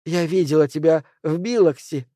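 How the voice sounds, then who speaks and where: Unstable gun-waving woman, high and shrill, male reader doing her. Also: moderate pace, darkish tone, no echo, studio quality, close to an everyday voice. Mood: excited. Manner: shrill, emotional outbursts.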